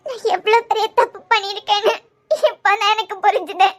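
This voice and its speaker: A woman voicing a guilty, tearful young wife in a cartoon, with a Kanyakumari Tamil accent and a halting, apologetic way of speaking. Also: extremely high pitch, fairly even intonation, a bit bright.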